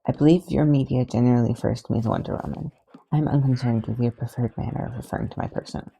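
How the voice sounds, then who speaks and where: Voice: mid-range voice, fast talker, gravelly, mellow, husky. A podfic reader voicing Wonder Woman, a regal warrior woman who speaks formally and graciously. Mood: composed. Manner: formal, composed.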